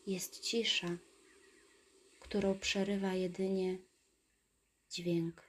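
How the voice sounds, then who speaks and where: A woman guiding a meditation in a soft, soothing whisper, giving calm instructions. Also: fairly low pitch, slightly rough. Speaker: meditation guide.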